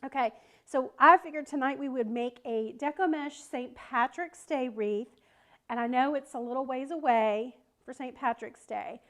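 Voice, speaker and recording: A woman's voice: high voice, normal speed, fairly bright tone. A woman with a Southern American accent teaching wreath making on a live stream, chatting with viewers and greeting them by name as she works. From South Carolina, United States. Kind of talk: live-stream craft tutorial.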